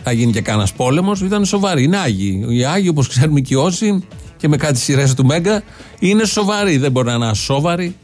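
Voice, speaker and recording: A man's voice: on the high side, lively intonation, a little mellow, faint music behind. A man hosting a satirical show, commenting with mocking irony. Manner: mocking, ironic asides. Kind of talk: sarcastic commentary.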